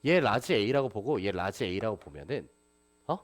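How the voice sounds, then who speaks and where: Man, math tutor, very animated pitch, rhetorical questions, classroom lecture. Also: takes it slowly. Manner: lively, quizzing students with rhetorical questions. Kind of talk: lecturing to students.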